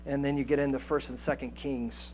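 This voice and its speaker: A man in his thirties preaching a sermon on a church stage through a headset mic, animated, with frequent restarts and fillers. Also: mid-range voice, brisk, a little hiss or hum. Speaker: pastor. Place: church stage with band gear, indoors.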